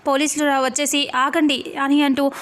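A woman recapping the plot of a television serial. Her voice is high and stays fairly flat. She tells it briskly, with frequent restarts. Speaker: story narrator.

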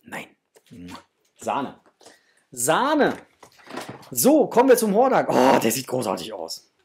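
This forties-aged man, an unboxing vlogger for toys, has a medium-pitched, gravelly voice whose pitch swoops wildly, and he talks slowly over a noisy background. Indoors in a small room decorated with framed posters, he presents an unboxing, chatting casually and eagerly to viewers as though they're friends.

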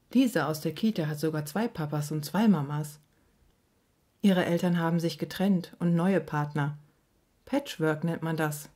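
Low-voiced woman reading a children's story. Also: mellow. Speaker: narrator.

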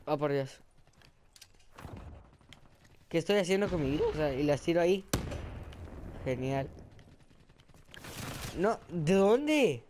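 Excitable man with put-on Spain Spanish. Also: fairly high pitch, unhurried, long pauses, a little hiss or hum. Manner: excitable, exclaiming, self-mocking. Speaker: gaming channel host. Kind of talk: live gameplay commentary.

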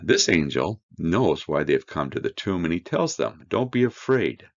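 A man teaching a verse-by-verse Bible study, reading scripture aloud and explaining it with slow, earnest emphasis. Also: rumbling low, very animated, muffled recording.

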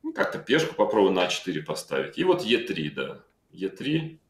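Speaking over a video call from a room at home, a middle-aged man with a lowish voice and roomy sound recalls his own chess game in an analytical interview. He calls out the moves calmly and reflectively at a fairly quick pace, thinking aloud with plenty of fillers.

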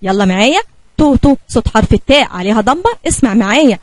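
A woman with an Egyptian Arabic accent teaching a kindergarten spelling lesson, slowly drawing out letter sounds for young children. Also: fairly high pitch, expressive, no echo.

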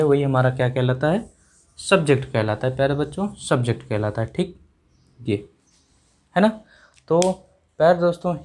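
A young man teaching grammar at a whiteboard in a small classroom, repeating each word slowly as he writes and calling his students dear children. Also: medium pitch, darkish tone. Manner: slow and repetitive, dictating words while writing. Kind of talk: whiteboard lesson in Hindi.

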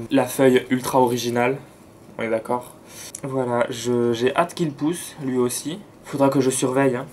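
A man's voice: mid-range voice, darkish tone, slight background noise. A man with a southern French accent chatting enthusiastically about his plants outdoors, with slangy asides. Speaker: plant vlogger. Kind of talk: casual chat. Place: outdoors near a road with cars and planes.

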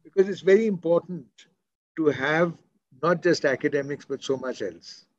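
An older man with a posh, educated Indian English accent, answering as a school educationist on a panel in measured, emphatic phrases over a muffled online call. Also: on the high side, no echo.

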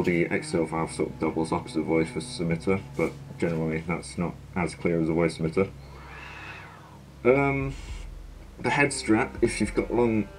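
A young man talking casually and haltingly about his collection, his voice muffled through a gas mask he is wearing. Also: low voice, slight background noise. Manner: rambling, hesitant, many fillers. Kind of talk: casual show-and-tell video.

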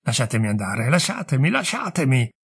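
A distraught young wife, pleading and insistent, her voice pitched high with strain, as a man reading the story puts her on. The tone stays husky and breathy. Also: expressive, normal speed, a little mellow. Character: young distraught woman leaving her husband. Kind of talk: audiobook reading.

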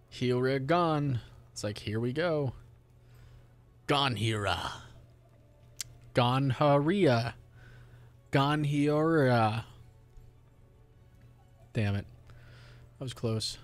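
A man's voice: mid-range voice, dry recording. A young man with a sore throat, streaming and commenting casually on a game, rambling and cursing as he talks to himself and the game. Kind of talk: casual live gameplay commentary.

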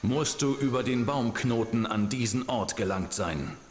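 An actor playing an ancient blind fox spirit in a video game, a stern gatekeeper speaking in a solemn, archaic, imperious manner. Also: male voice, medium pitch, a little slow, lightly acted. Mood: stern, commanding. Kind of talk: video game character acting. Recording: reverberant echoey hall, music underneath.

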